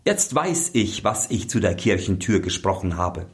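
A man's voice: low voice, sing-song, normal speed. A man voicing an ugly, scheming young bride who scolds shrilly. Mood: haughty. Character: false bride, ugly young woman, scheming and short-tempered.

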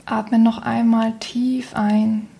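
A woman guides a meditation in a soft, breathy voice that is almost a whisper, calm and soothing, with long pauses. Her pitch sits a little high.

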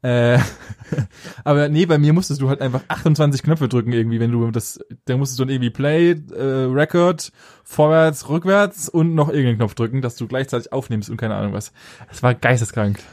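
Male co-host, mid-pitched, bantering, dry recording. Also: a little mellow, no room sound. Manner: joking, quick interjections, teasing. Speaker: podcast co-host. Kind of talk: casual chat.

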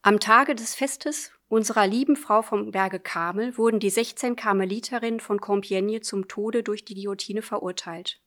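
A woman's voice: mid-range voice, fairly even intonation, fairly bright tone. Woman narrating a literary audiobook, earnestly. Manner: measured, earnest, addresses a friend. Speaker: audiobook reader.

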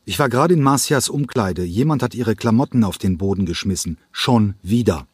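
A man reading an audiobook and voicing a hot-tempered male ballet choreographer who yells in fury. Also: lively intonation, moderate pace, husky, dry recording, clean studio sound. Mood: stern. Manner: yelling in fury, rising high. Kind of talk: audiobook character voice.

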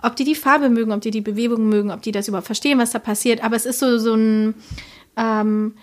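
Thoughtful woman painter, slightly high voice. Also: steady tone, fast talker. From Chile. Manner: reflective, many fillers and trailing "ne?". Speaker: painter, muralist guest. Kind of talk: casual interview conversation.

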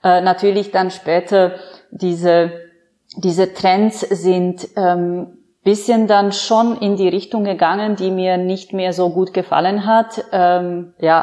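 A woman's voice: on the low side, a little mellow. A woman fitness trainer interviewed as a podcast guest, chatting in an earnest, storytelling way.

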